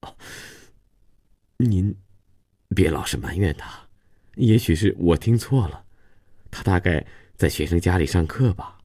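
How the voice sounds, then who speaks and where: A man's voice: sits low, lively intonation, a little slow, pauses often, dark tone, no echo, clean studio sound. A man voicing a tearful young wife. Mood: pleading.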